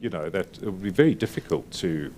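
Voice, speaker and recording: A man's voice: deep voice, expressive, fast talker, a little mellow, slight background noise. A man interviewing an author at a live bookshop event, with dry teasing humor and frequent murmured agreement. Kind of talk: live book discussion.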